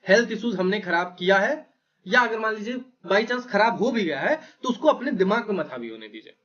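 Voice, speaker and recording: A man's voice: high voice, animated, brisk, fairly bright tone, highs cut off. A man giving blunt, emphatic, brotherly study advice to exam students as their mentor. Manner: blunt, emphatic, brotherly, with frequent "right?" check-ins. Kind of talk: motivational advice talk.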